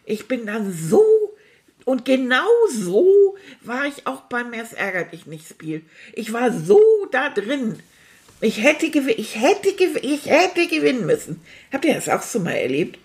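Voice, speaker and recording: A woman's voice: on the high side, sing-song, unhurried. A woman voicing a sulky, childlike male character who chats theatrically and makes sound effects in a comic monologue. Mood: indignant.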